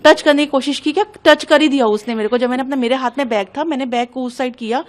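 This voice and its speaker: A young woman giving an urgent, agitated account of an incident to a news reporter. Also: sits high. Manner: urgent, agitated, hurried retelling. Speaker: interviewee recounting an incident. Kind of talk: emotional news testimony.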